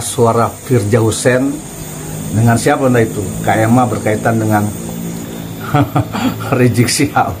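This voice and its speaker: A man's voice: mid-range voice, slight background noise, rough recording. A man giving casual online commentary, challenging his target with mocking questions and chuckling between the jabs. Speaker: religious commentator.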